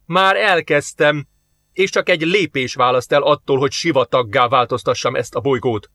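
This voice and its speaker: A man's voice: mid-range voice, sharp tone, no echo. Man voicing a hostile alien warlord, curt commands, audiobook, dry sound. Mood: coldly threatening. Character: stern cold male alien warlord.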